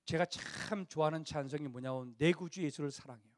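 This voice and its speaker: A middle-aged pastor with a high voice delivers a fairly quick sermon to young adults, moving from chatty storytelling to forceful, rising emphasis that nearly becomes shouting. He sometimes acts out the people in his stories, voicing their lines conversationally.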